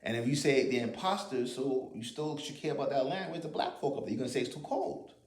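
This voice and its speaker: A man's voice: mid-range voice, expressive, fast, a little mellow. Argumentative man in an echoey room. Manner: argumentative, rhetorical questions, profanity. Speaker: commentator. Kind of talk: casual monologue.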